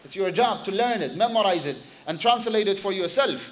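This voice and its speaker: A man preaching a sermon to his congregation, telling a story with animated emphasis and quickly reciting Arabic phrases. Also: high-pitched, a little hiss or hum, rough recording.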